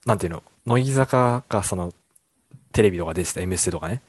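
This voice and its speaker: A young man with a low, husky voice chats casually and rambles, pausing on fillers and trailing off mid-thought. His pitch swings widely as he talks, and the recording is dry and close. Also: animated, no room sound. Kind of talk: casual chat.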